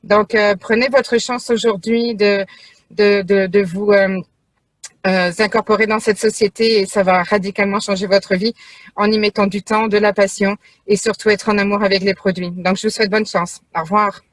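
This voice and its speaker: Female, 50s, average pitch, sales distributor giving a halting personal testimonial, dry room. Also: flat delivery, no echo.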